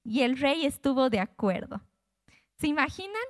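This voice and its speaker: High-voiced woman teaching the Bible. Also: very animated, normal speed, no room sound, clean studio sound. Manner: conversational, retells scripture in her own words.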